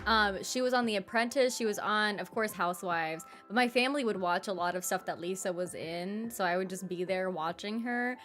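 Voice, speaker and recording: A young woman streamer in casual, animated chat, reading her live chat aloud and laughing often. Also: medium pitch, fairly quick, hardly any pauses, soft background music.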